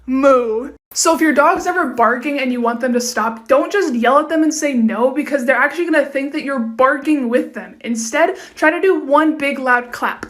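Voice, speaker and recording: A young woman with a high voice runs through quick facts to camera. She is chatty and blunt and swears without a second thought. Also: a bit bright. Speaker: TikTok fact sharer. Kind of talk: casual talk-to-camera facts.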